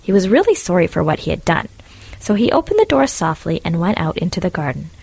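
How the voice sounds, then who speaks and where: A woman calmly narrating a fairy tale in a measured storytelling manner. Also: on the low side, vocal fry, breathy edge, no echo. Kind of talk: storybook reading.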